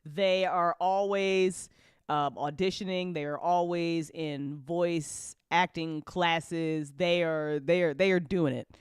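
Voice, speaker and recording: A woman hosts a live after show for an audio drama, chatting informally and repeating phrases for emphasis. She speaks slowly in a fairly low, fairly even voice with a clean tone. The close indoor mic on the live stream gives studio-quality sound with no room echo.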